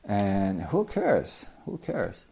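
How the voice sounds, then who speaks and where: A Polish man in his forties, a language teacher, talks casually to camera in accented second-language English, repeating himself and making small grammar slips. His lowish, dark voice swoops wildly in pitch, with drawn-out words and vocal fry.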